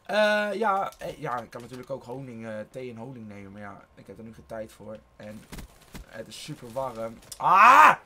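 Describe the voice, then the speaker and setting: A man giving rambling live gameplay commentary from his bedroom, voice a little strained, with excited outbursts and swearing. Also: mid-range voice, moderate pace, a little hiss or hum. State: slightly strained voice. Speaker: gaming YouTuber. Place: his own warm bedroom.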